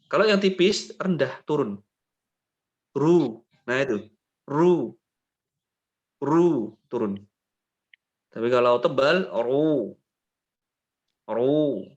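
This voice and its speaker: An Indonesian man teaching Quran recitation online, slowly repeating syllables to model how a sound is pronounced. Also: mid-range voice, muffled recording. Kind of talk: online tajweed lesson.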